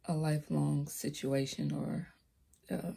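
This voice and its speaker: Unhurried and with little pitch movement, a young woman tells her life story in a casual vlog, her voice low and raspy. She hesitates, fumbles her words, slips into soft whispers, and cracks when she speaks up, all captured by a laptop's built-in mic.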